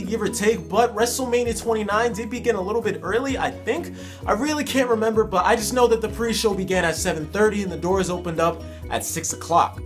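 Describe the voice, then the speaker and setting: High-voiced young man telling a casual story. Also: fairly bright tone. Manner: slangy, emphatic and repetitive. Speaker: storytelling vlogger. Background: faint music.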